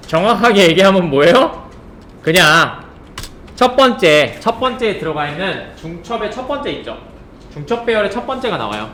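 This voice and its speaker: A man's voice: high-pitched, big pitch swings, moderate pace, sharp tone, roomy sound, slight background noise. A man teaching a programming class, asking his students rhetorical questions and checking that they follow along. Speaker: programming instructor. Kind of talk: live coding lecture.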